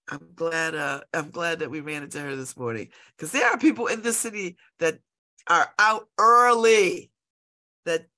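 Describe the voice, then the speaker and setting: On local radio, a woman host with a congested, lowish and slightly bright voice talks casually solo, rambling and chatting with frequent exclamations.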